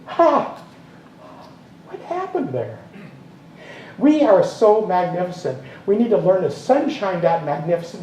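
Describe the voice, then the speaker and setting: A man's voice: high-pitched, mellow, lo-fi sound, a little hiss or hum. Male minister, rambling sermon delivery, chuckling asides, distant mic, echoey room. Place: spiritual center meeting room. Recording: roomy hall from a distance, faint ambience.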